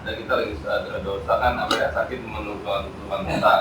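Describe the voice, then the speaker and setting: A man's voice: fairly low pitch, level tone, fast. A man in a mosque audience hesitantly asking a question, searching for his words. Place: mosque hall. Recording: very echoey hall, distant, loud noise.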